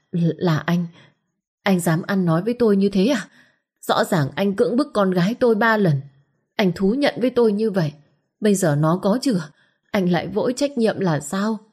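A woman's voice: fairly low pitch, warm tone. A woman voicing a wronged old peasant father in a storybook reading, who speaks with bitter outrage. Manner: pleading then cursing in outrage.

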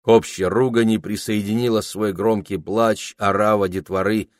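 A man narrating an audiobook in a measured, expressive reading. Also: lowish voice, dry recording, studio quality.

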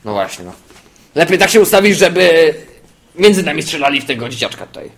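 A man improvising a comic role-play character on a podcast, talking in a chatty, musing way with drawn-out asides. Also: a little high, very animated, creaky, a bit bright. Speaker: podcast co-host playing a character.

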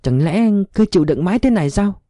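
Brief: narrator playing a worried, caring woman, voice pushed high, anxious and pleading, animated intonation. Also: quick pace, no room sound, clean studio sound. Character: anxious caring woman, middle-aged, fretful.

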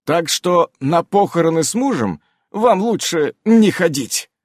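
A man's voice: fairly high pitch, expressive, a little slow, no room sound, voice pushed up. A man doing a confident, slightly boastful storybook man, reassuring and teasing, his voice mobile and raised above the narration, close and dry. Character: calm, boastful middle-aged man, reassuring.

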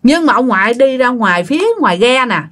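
Southern vietnamese lady chatting through a ghost story, lively voice, fairly high. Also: a little fast. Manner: chatty, addressing listeners directly. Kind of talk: casual ghost story telling.

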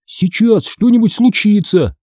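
A man's voice: sits high, measured pace, a little mellow, no echo, clean studio sound, pitched above the performer's own voice. A man voicing a timid little boy who sulks and grumbles sheepishly. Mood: cheeky.

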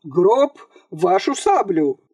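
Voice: mid-range voice, sing-song, very slow, darkish tone, husky, exaggerated voice. A story reader voicing a blustering, swindling male army captain who bellows and takes offense. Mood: raging. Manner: bellowing and indignant. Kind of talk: dramatized story reading.

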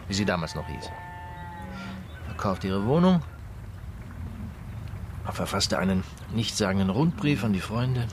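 A male actor with a lowish voice plays a dry-humoured, probing police inspector in a German radio crime drama. He speaks deliberately, humming as he muses, against a noisy background.

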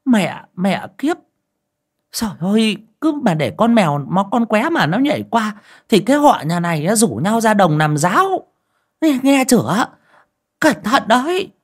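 A superstitious older aunt barks orders and curses in a high voice, as a man narrating a storybook puts her on. She speaks, and her pitch swings wildly. The tone is husky. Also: very animated, a little slow, heavily acted. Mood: bossy, scolding. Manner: scolding, ordering people about, cursing. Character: bossy superstitious older aunt, fearful and scolding.

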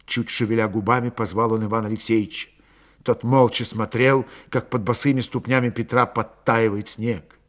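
A man reading a novel aloud as audiobook narration, dramatic, moving between slow hushed passages and rising intensity. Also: mid-range voice, level tone.

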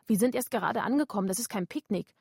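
A woman's voice: mid-range voice, expressive, fast talker, vocal fry, a little mellow, breathy edge, no echo, clean studio sound. An actress playing a blunt, provoking young woman in a radio drama. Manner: blunt and mocking.

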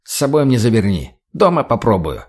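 A man's voice: medium pitch, big pitch swings, fairly quick, darkish tone, breathy edge. A man voicing a crude, short-tempered drug addict thug who barks profanity bluntly. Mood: aggressive.

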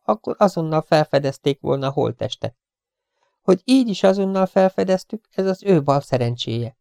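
A man voicing a calm, clever male detective in an audiobook who lays out a plan step by step. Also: on the high side, creaky, no room sound, clean studio sound, pitched above the performer's own voice. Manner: methodical, reasoning aloud.

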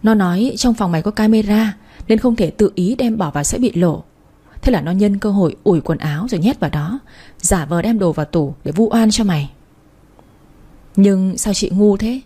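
A woman voicing a young wife who explains herself calmly and plainly. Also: mid-range voice, moderate pace, husky, lightly acted. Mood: calm explaining. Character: young wife, calm and reasoning, the story's heroine.

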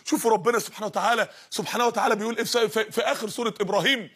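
An Egyptian man delivering an impassioned sermon, dramatic and pleading, building to shouts. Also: high-pitched, fairly even intonation, racing, breathy edge. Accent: Egyptian Arabic. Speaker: preacher.

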